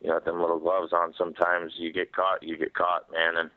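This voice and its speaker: A deep-voiced man speaks in a flat tone down a narrow phone line. He gives casual fighter interview answers, often repeating himself. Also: brisk, dry recording. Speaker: fighter answering media questions. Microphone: telephone. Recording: narrow dry telephone line.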